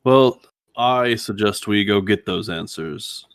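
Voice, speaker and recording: A man's voice: on the low side, slow, dry recording, clean studio sound. A man playing a tabletop role-playing game who speaks in character and laughs often.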